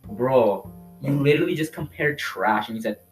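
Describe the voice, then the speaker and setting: A male co-host in a casual podcast chat, excitable and fond of roasting his friends. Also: mid-range voice, moderate pace, faint music behind.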